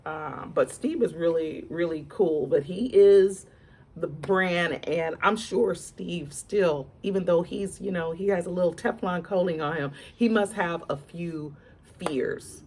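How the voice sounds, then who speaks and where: A woman with a fairly low, unhurried voice, a bit mellow with a breathy edge, offers casual celebrity gossip as an online commentator. She speaks conversationally, repeats words for emphasis and addresses her viewers directly.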